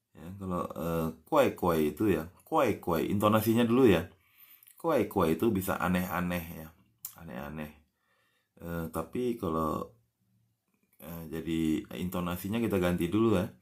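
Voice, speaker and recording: A man giving a casual language lesson, patiently explaining words and spelling them out letter by letter, ending many phrases with a soft "ya". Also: fairly low pitch. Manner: frequent tag "ya" after phrases. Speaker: language teacher.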